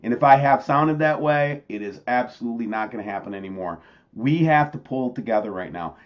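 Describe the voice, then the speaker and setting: A man's voice: mid-range voice, lively intonation, a little fast. A man hosting his own channel, talking loosely and casually to viewers about pictures, calling them man and guys. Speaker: channel host. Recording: dull lo-fi sound.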